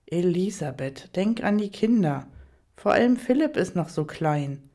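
A cornered rich husband, defensive and pleading, voiced by a woman reading aloud. The tone sits low and mellow. He tries to placate and talk his way out. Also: lively intonation, unhurried. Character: wealthy cheating husband, flustered middle-aged man.

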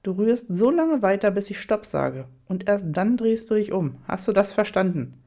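A woman voicing a dominant, commanding man in an erotic audiobook, speaking in a low, teasing murmur. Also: big pitch swings, normal speed, warm tone. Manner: low, teasing, bossy murmur near the ear.

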